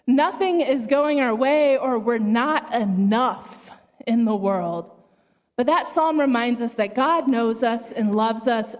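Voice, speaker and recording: Woman giving a children's sermon, high and unhurried, in an echoey sanctuary. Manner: gentle, warm storytelling with voiced characters. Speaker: children's message speaker at a worship service. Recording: echoey hall.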